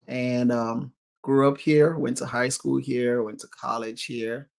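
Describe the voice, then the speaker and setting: A man in his thirties from Cameroon chats as an interview guest, and his voice has a gravelly edge. He is upbeat and laughs easily, and he speaks at a medium pitch. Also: level tone, a little slow, darkish tone. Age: 30s. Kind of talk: casual interview chat.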